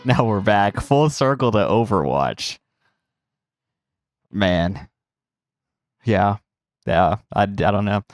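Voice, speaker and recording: A young gaming streamer with a low, gravelly voice, recorded with no room sound, comments on his gameplay in a loose, rambling chat. He's congested from a recovering cold, interrupts himself often, and drops slang.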